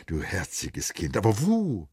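A man's voice: sits low, huge pitch swings, unhurried, darkish tone, breathy edge, no echo, studio quality, pitched above the performer's own voice, exaggerated voice. Man reading an earnest young village man. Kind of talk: audiobook character voice.

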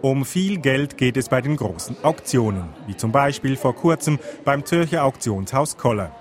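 A man's voice: mid-range voice, expressive, normal speed. A man narrating a scripted news report as its reporter.

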